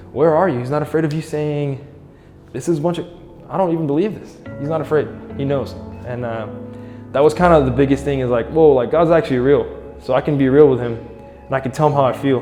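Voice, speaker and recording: An earnest young man tells his faith story in a warm, dark-toned voice at a middling pitch. His words ring out with a long reverb, and soft guitar music plays underneath. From Egypt. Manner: earnest and reflective, quotes his own inner thoughts. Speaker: church member sharing testimony. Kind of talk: personal faith testimony.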